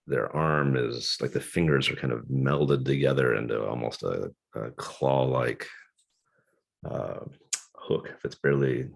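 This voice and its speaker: Very deep, gravelly, hesitant man. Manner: hesitant, repeats words as he improvises. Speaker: tabletop game player. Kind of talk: improvised in-character role-play.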